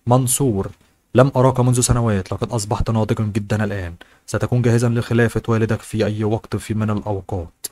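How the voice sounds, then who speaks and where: A man's voice: fairly low pitch, fairly even intonation, quick pace, darkish tone, lightly acted. A man reading the lines of an elegant, doting old grandmother in a novel audiobook, in a fond, teasing way.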